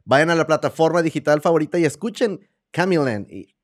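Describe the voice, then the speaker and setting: A man's voice: a little high, lively intonation, a little fast. A man hosting an interview, asking questions with friendly, stumbling restarts. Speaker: interview host. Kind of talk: casual interview.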